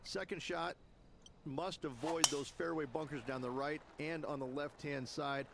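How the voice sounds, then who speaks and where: A man giving measured, explanatory colour commentary in a golf video game. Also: on the high side, fairly even intonation, creaky, heavy background noise. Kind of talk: sports commentary.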